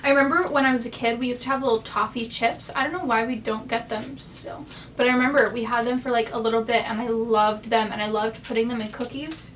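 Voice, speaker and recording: A woman's voice: on the high side, steady tone, fast, fairly bright tone, recorded from a distance, a little hiss or hum. A young American woman vlogging casually from her bed, rambling chattily with lots of fillers. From United States. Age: young adult. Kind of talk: casual chat. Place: in bed, bedroom.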